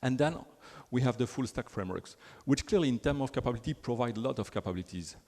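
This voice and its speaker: A Belgian conference speaker with a French accent talks at a quick pace in an expressive, darkish mid-range voice. His technical talk is chatty and self-deprecating, full of fillers and restarts, and the large conference hall gives it a long reverb.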